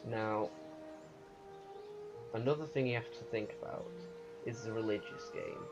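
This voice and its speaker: A man giving unscripted commentary on a strategy game, thinking aloud in a halting way. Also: lowish voice. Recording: muffled lo-fi recording with music. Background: music.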